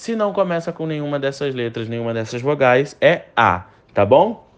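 A man teaching a recorded lesson. He explains patiently, says each example sentence slowly and several times, and asks the listener questions that he then answers himself. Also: mid-range voice, lively intonation. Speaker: English teacher. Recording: dull lo-fi sound.

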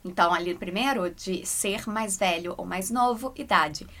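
A Brazilian woman gives an English grammar lesson, patient and methodical. Her voice sits at a medium pitch, and she slows down carefully whenever she reads out an example sentence. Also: a bit bright. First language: Portuguese. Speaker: English teacher. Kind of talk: explanatory online lesson.

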